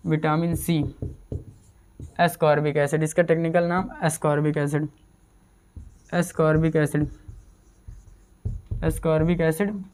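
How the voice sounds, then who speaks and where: Guy teaching chem, smooth clear voice, keeps repeating stuff and quizzing himself. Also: a little high, darkish tone. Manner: repetitive drilling, asks and answers own questions. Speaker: chemistry teacher. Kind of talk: casual exam-prep lecture.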